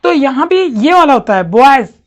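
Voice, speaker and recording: A woman's voice: high-pitched, very animated, normal speed. A woman teaching a grammar lesson to a class, asking questions and checking understanding often.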